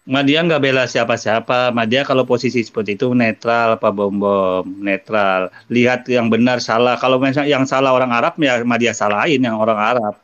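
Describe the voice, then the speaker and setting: Calm, defensive man in dry lo-fi chat. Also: mid-range voice, normal speed, few pauses, no room sound. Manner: calm, defensive, calls himself by his own name. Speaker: debater in online voice chat. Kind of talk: casual debate.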